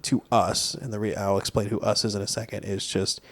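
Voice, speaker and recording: A man's voice: lowish voice, fairly even intonation, brisk, creaky. Laid-back young man telling stories. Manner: laid-back storytelling, laughs often. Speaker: podcast co-host. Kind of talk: casual chat.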